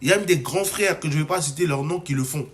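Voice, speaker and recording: Young adult man, from Cameroon, fairly high-pitched, heated monologue, ranting, restarts. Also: fast talker. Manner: agitated, ranting, many restarts. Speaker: comedy video maker.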